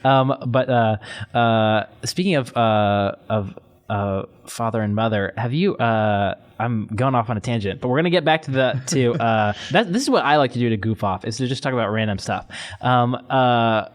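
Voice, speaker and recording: A young man hosting a college radio morning show in the studio, his voice at an ordinary middle pitch. He rambles easily and stumbles over his words. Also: lively intonation, normal speed. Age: young adult. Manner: rambling, lots of fillers and restarts. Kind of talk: casual morning radio chat.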